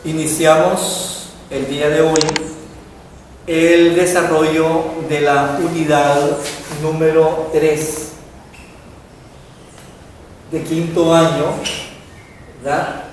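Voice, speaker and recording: A man teacher opening a math lesson in a measured, deliberate way. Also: on the high side, level tone. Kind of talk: classroom lesson for broadcast. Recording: echoey room, mic far off.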